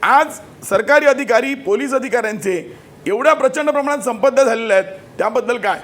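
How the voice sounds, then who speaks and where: A man with a very high voice argues his side on a televised panel debate. He speaks fast and combatively, pressing accusations and talking over the others. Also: a bit bright.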